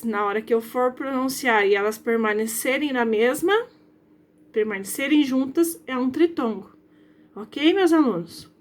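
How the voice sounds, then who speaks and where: A woman teacher from Brazil, explaining a grammar lesson to her pupils, stretching out example words and often checking whether they follow. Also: a little high. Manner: drawn-out stressed example words, frequent checking questions. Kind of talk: recorded school lesson.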